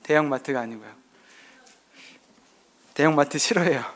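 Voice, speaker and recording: Male pastor preaching, lively storytelling. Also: fairly high pitch, moderate pace. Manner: acts out dialogue with his son, shifting loudness. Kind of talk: sermon with personal anecdotes.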